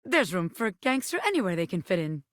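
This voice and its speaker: A woman playing a cocky, excitable bobby pin gangster in a video game, talking in swaggering wiseguy slang. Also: fairly low pitch, fast, no room sound, studio quality. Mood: scheming, uneasy. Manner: brash wiseguy slang, swaggering, calls people baby. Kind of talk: video game character acting.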